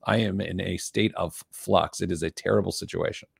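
A man with a hoarse, gravelly voice that is giving out, hosting a casual podcast in a jokey, self-deprecating way. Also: low-pitched, steady tone, a little fast, dry recording, clean studio sound. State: losing his voice. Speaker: podcast host.

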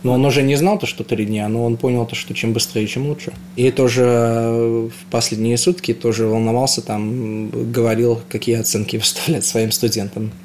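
Halting man, soft background noise. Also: medium pitch, little pitch movement. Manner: hesitant, halting, with frequent restarts. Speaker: interview guest. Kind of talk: casual conversational interview. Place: house.

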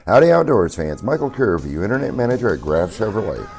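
A man's voice: fairly low pitch, big pitch swings, fast talker, gravelly, darkish tone. A man reading an amateur local radio ad as a dealership's own employee. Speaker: car dealership internet manager. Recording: music bed behind voice.

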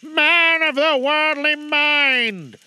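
A man voicing Marley's ghost, a dead business partner speaking slowly and solemnly in an audiobook. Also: very high voice, sharp tone, no echo, pitched above the performer's own voice, heavily acted. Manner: slow, drawn-out, solemn.

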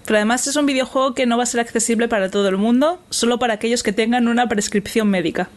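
A woman's voice: fairly high pitch, very fast. A woman co-hosting a casual podcast, speaking with many fillers and restarts. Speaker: podcast co-host.

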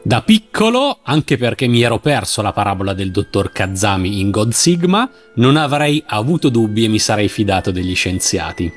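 A man's voice: fairly low pitch, sing-song, moderate pace, few pauses, soft background music. A man co-hosting a casual chat, commenting in a thoughtful, reflective way. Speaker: co-host.

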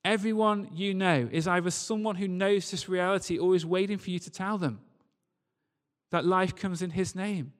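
In a big, echoing church or hall, a high-voiced man delivers a sermon at a normal pace. His manner is earnest and emphatic, with key phrases said again and again under long hall reverb.

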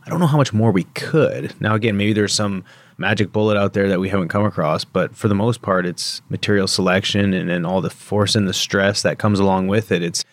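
A man's voice: lowish voice, steady tone, fairly quick, dry recording. A man hosting a podcast in an informal, conversational style. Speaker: podcast host. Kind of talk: casual conversation.

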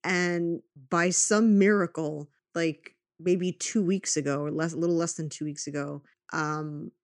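A woman hosting a podcast in casual chat, telling stories in an animated way, quoting herself and swearing freely. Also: on the low side, unhurried, no room sound, studio quality. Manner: animated storytelling with self-quotes, swearing. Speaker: podcast host.

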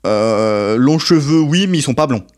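A man's voice: mid-range voice, lively intonation, unhurried, a little mellow. A man hosting a casual group show and running a guessing game, laughing and exclaiming often. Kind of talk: casual chat among friends, animated.

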